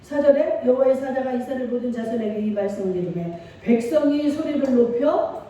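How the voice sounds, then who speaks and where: A woman's voice: sits high, brisk, dark tone, slight background noise. A middle-aged woman pastor preaching a sermon with feeling and call-and-response. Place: church sanctuary. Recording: echoey church hall from far off.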